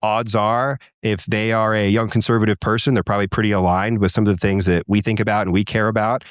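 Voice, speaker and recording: A man's voice: fairly low pitch, little pitch movement, fast talker, clean tone, no echo. A man in his twenties, a guest in a studio conversation, talking in an earnest, encouraging way with some restarts. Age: 20s. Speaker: guest, young political organizer.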